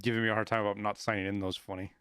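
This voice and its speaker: A man live-streaming a game, chatting casually and swearing as he reacts excitably to the play. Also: on the low side, very fast, a little hiss or hum. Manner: sweary, excitable exclamations while playing. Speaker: game streamer, video guide maker. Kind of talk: live gameplay commentary and casual chat.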